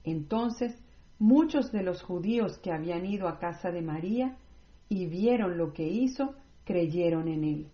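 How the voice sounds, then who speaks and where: A woman reading scripture aloud in a measured, scripted way, with no commentary. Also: fairly low pitch, expressive. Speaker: Bible reader. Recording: roomy, slightly dull recording.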